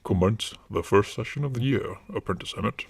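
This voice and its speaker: A man voices a stern and secretive paranormal investigator who mentors others in an audio drama, his deep voice altered to disguise it. He sounds impatient and commanding, speaking formally and fairly quickly with a creaky, slightly rough texture and no echo.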